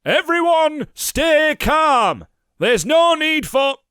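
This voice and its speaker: A flustered commander yelling into a megaphone, as a man puts him on, his voice pushed up high and tight. He sounds rattled while trying to keep control. The recording is dry and close, with no room sound. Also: big pitch swings, takes it slowly, no room sound, exaggerated voice. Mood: urgent. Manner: shouting orders in a strained high voice. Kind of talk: audiobook character voice.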